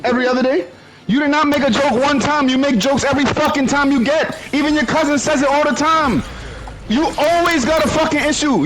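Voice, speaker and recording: A man's voice: very high-pitched, noisy background. A man in a heated, profane argument in a voice chat, angry and repeating himself. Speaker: voice chat participant.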